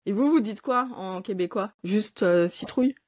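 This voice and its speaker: A woman's voice: mid-range voice, moderate pace, darkish tone, dry recording, studio quality. A woman hosting a quiz segment in a casual panel show, upbeat and leading the game. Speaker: host.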